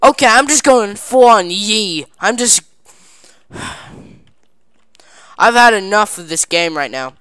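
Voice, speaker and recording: Woman, casual gameplay commentary, goofy playful phrasing, smooth clear voice, dry close sound. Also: mid-range voice, takes it slowly, long pauses, no room sound. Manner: excited squealing "yay" cheers and laughter. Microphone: desk microphone.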